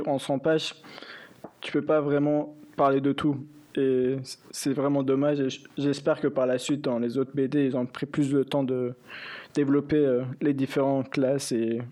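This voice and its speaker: A man hosting a podcast, leading the talk in a steady, measured way. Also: medium pitch. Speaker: podcast host. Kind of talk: podcast hosting, partly read script.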